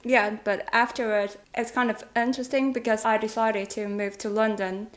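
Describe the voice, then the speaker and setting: Hosting a relaxed vlog conversation, a thirty-year-old Taiwanese woman whose first language is Mandarin giggles and hesitates as she talks. She has a Taiwanese accent and a fairly high voice, speaking at normal speed with a level tone.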